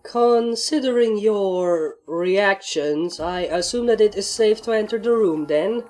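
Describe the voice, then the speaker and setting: A woman voicing a calm, regal female pony ruler in a fan story reading, measured and formal. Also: medium pitch, soft background music, voice pushed up, close to an everyday voice. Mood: stern.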